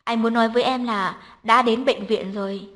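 A woman's voice: a little high, fairly even intonation, normal speed, fairly bright tone, natural voice. A woman reading the lines of a polite, slightly awkward young man.

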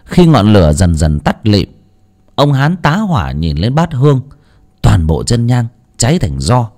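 A man narrating a ghost story with an expressive, dramatic reading. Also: mid-range voice, measured pace. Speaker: audiobook narrator.

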